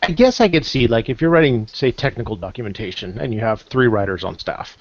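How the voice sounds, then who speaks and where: A man's voice: mid-range voice, lively intonation, a little fast. Man leading a book club call. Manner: conversational, thinks aloud, reads then comments. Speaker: book club discussion leader. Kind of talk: casual group discussion on a call. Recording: dull lo-fi call audio, dry.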